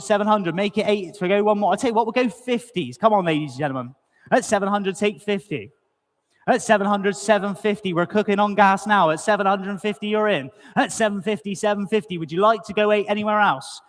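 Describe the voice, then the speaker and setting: A man auctioneering at a live sale, rattling off bids over and over with brisk, joking patter. His voice sits high for a man, and long reverb from the big hall trails behind each call. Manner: rapid repetitive bid calling, brisk and jokey. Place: auction room.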